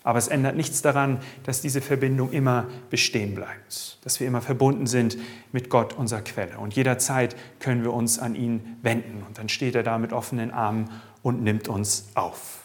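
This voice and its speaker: A man preaching in a steady mid-range voice. He leans hard on key lines, lifting them, then drops to a hush. It is an earnest sermon delivery. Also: mid-range voice, moderate pace. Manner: emphatic, swings from raised to hushed.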